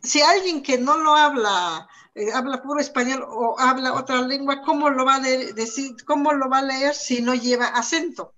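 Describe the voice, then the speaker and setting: Higher-pitched woman teacher explaining patiently. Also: normal speed, fairly bright tone, dull audio. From Sierra Norte of Oaxaca, Mexico. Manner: explanatory, thinks aloud with fillers and repeated words. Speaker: Zapotec language teacher. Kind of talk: conversational discussion.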